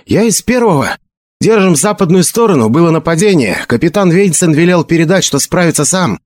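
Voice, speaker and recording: A man's voice: a little high, lively intonation, no echo, studio quality, voice pushed up, close to an everyday voice. A man voicing a thin young messenger reporting in a hurry. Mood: hurried. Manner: hurried reporting.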